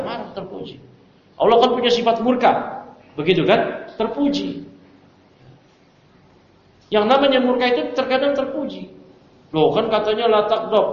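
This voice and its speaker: Animated male teacher in an echoey hall. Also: high-pitched, a little hiss or hum. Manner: animated, asks the audience rhetorical questions; mixes in recited Arabic phrases. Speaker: Islamic religious teacher. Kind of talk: religious study lecture explaining a book. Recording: dull, echoey hall recording.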